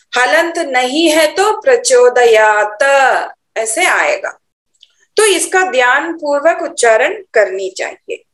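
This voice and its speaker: Slow, high-voiced woman teaching chanting. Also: a bit bright, roomy sound. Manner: slow, deliberate, demonstrating each syllable. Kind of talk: online pronunciation lesson.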